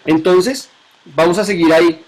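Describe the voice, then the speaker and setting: A man's voice: sits high, fairly even intonation, measured pace, darkish tone. Male teacher quizzing a class. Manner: questioning students, repeating key points. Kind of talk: classroom Bible lesson.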